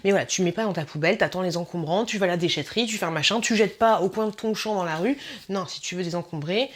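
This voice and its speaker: A young woman, chatting casually to camera as a vlogger, laughing often and using slang. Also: fast talker. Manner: chatty, laughing, slangy, mimics people with sudden high voices.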